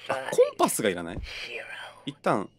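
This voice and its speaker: A man's voice: medium pitch, wildly swooping pitch, brisk, heavy background noise. A young man giving let's play commentary on a horror game, jumpy and stammering as he talks to himself. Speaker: gamer playing a horror game.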